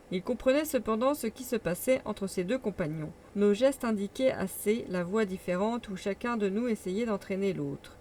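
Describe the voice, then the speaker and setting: Woman, audiobook narration, measured, expressive, faint background noise. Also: a little high. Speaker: audiobook reader.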